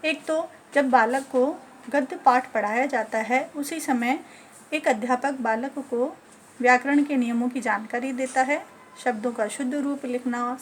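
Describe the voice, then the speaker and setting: A woman teacher educator giving a lecture on teaching methods, listing points one by one in a measured way. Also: high voice, a little hiss or hum.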